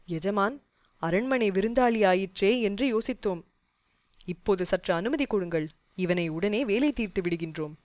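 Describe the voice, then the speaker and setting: A woman's voice: medium pitch, animated, moderate pace, darkish tone, no room sound, lightly acted. Woman doing deferential male guard, pleading, dry close sound. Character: subservient male palace guard, excusing himself.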